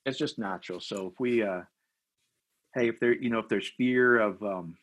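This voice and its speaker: A pastor from Iowa, a man guiding listeners through a prayer in a podcast interview, energetic and preacherly, repeating phrases for emphasis. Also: fairly low pitch, normal speed. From Iowa, USA.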